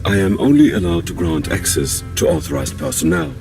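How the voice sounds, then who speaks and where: An actor playing a calm male station guardian computer that speaks in flat, formal, repetitive machine announcements for a video game. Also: rumbling low, fairly quick. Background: game music.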